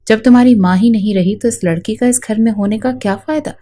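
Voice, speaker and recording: Woman reading as a scheming young rival, possessive, demanding, dark mellow tone. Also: on the high side, lightly acted.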